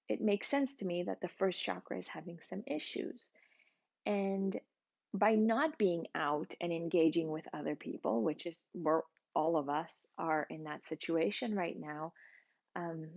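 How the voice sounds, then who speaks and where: Low gravelly lady chatting thru a grounding exercise, kinda halting, dull lo-fi audio. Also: darkish tone. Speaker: energy healing practitioner giving a wellness exercise. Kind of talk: informal explanatory talk to camera, guiding a grounding exercise.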